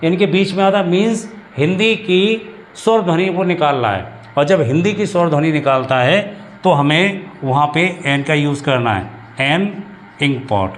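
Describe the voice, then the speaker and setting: A man gives a patient grammar lesson, circling back over each point and repeating it. His voice sits a little high for a man. A faint hiss of noise runs under the recording. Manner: explains slowly with many repetitions and restarts. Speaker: English teacher. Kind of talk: classroom-style grammar lesson.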